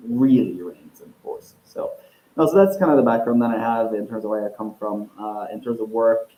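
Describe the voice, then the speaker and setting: Over an echoey video call, a Norwegian tech company CEO joins as a guest for a casual interview. His lowish, warm voice is thoughtful, with restarts and drawn-out phrases.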